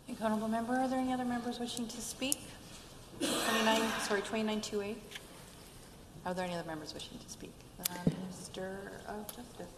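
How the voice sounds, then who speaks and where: A woman presiding over a legislative assembly, running procedure in a brisk, formal way. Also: fairly high pitch, fairly even intonation. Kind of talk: procedural chairing. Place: legislative chamber. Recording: distant, echoey hall with loud background noise.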